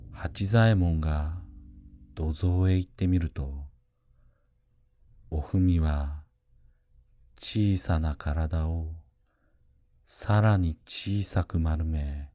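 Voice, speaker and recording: A man narrating a scripted ghost story in a hushed, grave, unhurried manner. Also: low-pitched, highs cut off.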